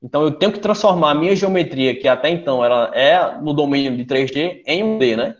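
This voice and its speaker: A fairly high-voiced man with a Brazilian Portuguese accent walks listeners through a technical presentation. He talks in an explanatory way and keeps checking in with short tag questions. His voice comes through a video call with dull, lo-fi audio. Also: lively intonation, brisk. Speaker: guest engineer presenter. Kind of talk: technical presentation in an online forum. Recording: muffled lo-fi online call audio.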